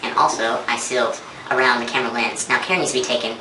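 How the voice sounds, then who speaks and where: Echoey, distant man giving quick instructions. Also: mid-range voice, fairly even intonation. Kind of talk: instructional how-to walkthrough. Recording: echoey, distant mic, faint noise.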